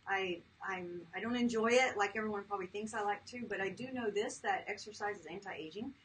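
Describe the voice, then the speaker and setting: A woman's voice: mid-range voice, brisk, fairly bright tone. Chatty fifty-something woman guest, laughs easily, recorded from a distance. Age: 50s. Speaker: guest, chiropractor. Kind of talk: casual interview talk. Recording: distant mic with faint background noise.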